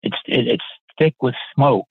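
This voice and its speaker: Older man in his sixties, husky voice, tinny phone-like sound, dry, earnest storyteller, stumbles and restarts. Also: mid-range voice, measured pace, no echo. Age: 60s. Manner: earnest, polite, repeats words as he restarts sentences. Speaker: podcast guest. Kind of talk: casual anecdotal storytelling.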